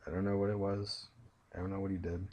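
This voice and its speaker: A tired young man recounting his life story from bed, speaking haltingly with many pauses and restarts. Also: low voice, little pitch movement, warm tone. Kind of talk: personal storytelling. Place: in bed at home.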